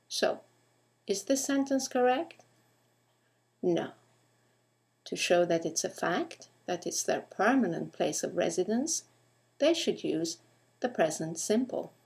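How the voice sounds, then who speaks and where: Slow, deliberate woman teaching grammar. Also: mid-range voice, darkish tone. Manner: clear, deliberate, addresses the listener with questions. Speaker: English teacher. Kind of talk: recorded grammar lesson.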